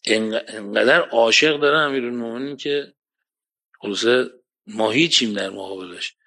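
A man gives a religious lecture in a voice of middle pitch. He keeps it lively, pushing up to emphatic points and then falling quiet, and he quotes Arabic verses along the way. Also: vocal fry. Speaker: preacher.

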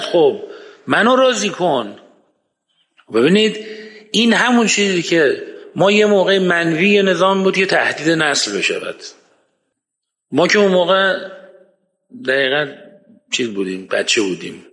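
A man's voice: a little high, fairly bright tone. Emphatic man lecturing in a reverberant hall. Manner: emphatic and argumentative. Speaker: speaker giving a religious-political talk. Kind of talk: lecture with Quran recitation.

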